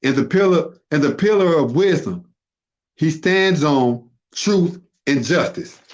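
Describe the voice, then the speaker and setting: A man's voice: a little high, expressive, unhurried. A man, a podcast guest, delivering an impassioned religious warning full of rhetorical questions and emphatic repetition. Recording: dull lo-fi audio.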